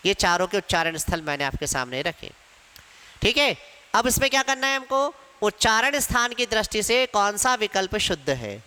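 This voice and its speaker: A man's voice: high voice, pushed and bright, clean tone. A man teaching Hindi grammar in an exam-prep lecture, explaining step by step and answering his own questions. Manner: explains step by step, asks questions then answers them himself. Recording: echoey hall reverb.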